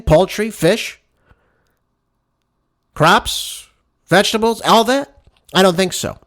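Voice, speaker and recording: A man's voice: a little high, a bit bright. A man hosting a political talk show, delivering combative, sarcastic solo commentary and calling his listeners "folks.".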